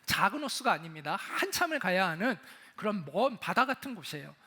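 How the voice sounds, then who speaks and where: A man's voice: sits high, sing-song, fairly quick, pushed and bright, slightly rough. A middle-aged male pastor preaching a sermon, telling the story with animation and acting out the quoted lines.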